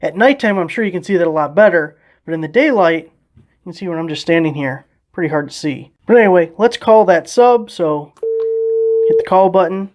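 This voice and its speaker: Fairly quick and animated, this product reviewer has a high-pitched voice with a darkish tone. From behind the camera inside a house, he narrates a hands-on product test in a casual, informal way and pokes fun at himself.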